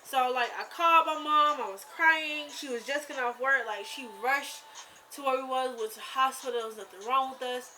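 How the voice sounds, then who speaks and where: A young woman vlogging, telling a scary story in a rambling, animated way with lots of fillers. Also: high voice, a little fast, a little hiss or hum, low-quality recording. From rural US South. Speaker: YouTuber. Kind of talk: casual storytelling vlog.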